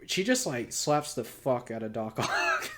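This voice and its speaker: A man's voice: medium pitch, huge pitch swings, unhurried, pushed and bright. A man in a casual movie chat, laid-back, swearing casually and laughing often.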